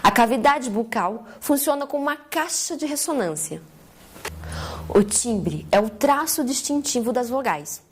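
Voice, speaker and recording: A woman's voice: fairly high pitch, expressive, a little slow, breathy edge. A woman co-narrating a scripted grammar lesson, reading definitions in a textbook tone.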